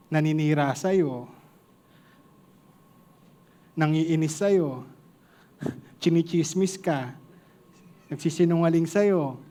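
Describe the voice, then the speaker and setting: A man's voice: a little high, darkish tone. A man with a Filipino accent preaching a sermon to a congregation, mixing two languages and joking with the listeners.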